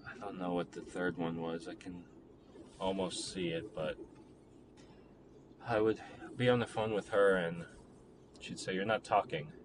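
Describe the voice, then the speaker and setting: Low-voiced young man, rambling reflective talk. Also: fairly even intonation. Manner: rambling, halting, reflective, with many fillers. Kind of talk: personal monologue about a relationship. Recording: noticeable background noise.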